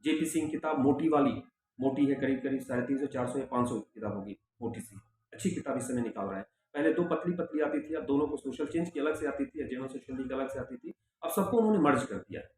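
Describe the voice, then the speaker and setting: A man's voice: mid-range voice, fast talker, a little mellow. A middle-aged man, a sociology professor, giving students direct, repetitive advice in a lecture. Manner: direct, repeats points with emphatic reminders. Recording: very echoey room with faint background noise.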